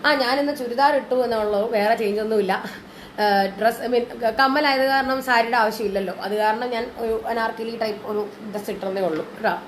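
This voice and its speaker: Woman, high voice, chatty live seller, slight English mix, has a cold, noisy background. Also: brisk. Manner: chatty, mixing in English words. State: has a lingering cold and cough. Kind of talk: casual live sales chat, greeting viewers.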